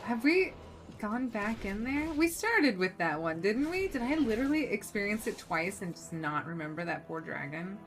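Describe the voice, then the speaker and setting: A woman's voice: medium pitch, expressive, normal speed. A woman game streamer chatting casually and thinking aloud as she plays, her delivery swinging between muttering and exclaiming. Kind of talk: casual gaming livestream chat. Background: music behind the voice.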